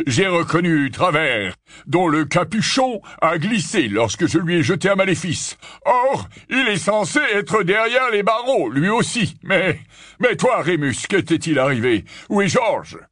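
Kingsley: a man doing a grave, flat-voiced wizard. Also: sits high, dry recording, studio quality, voice pushed up, full character voice. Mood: bitter. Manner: flat, measured. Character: grave older male wizard, calm and weary. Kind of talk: audiobook character reading.

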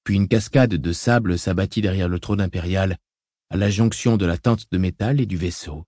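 Low-voiced man reading a story. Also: dark tone, breathy edge, no echo, studio quality. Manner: measured, dramatic reading. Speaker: narrator. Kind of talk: scripted audiobook narration.

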